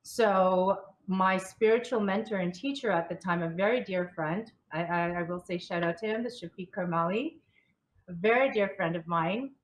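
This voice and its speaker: A woman's voice: fairly low pitch, moderate pace, low-quality recording. A woman who coaches and channels, telling her personal story as an interview guest in a candid way, often repeating and restarting words.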